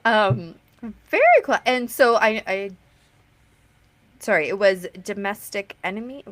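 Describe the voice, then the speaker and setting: A woman's voice: mid-range voice, unhurried, fairly bright tone. A woman in her thirties hosting an interview, chatty and upbeat, laughing easily. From Canada. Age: 30s. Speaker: host. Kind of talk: casual interview chat.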